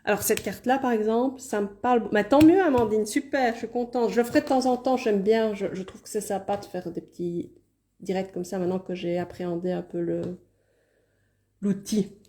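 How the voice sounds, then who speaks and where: A woman's voice: medium pitch, steady tone, fairly quick, warm tone, a little hiss or hum. A woman with a Liège Belgian French accent doing a casual live card reading, chatty and apologetic, reading out viewer comments as she goes. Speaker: card reader hosting a live stream.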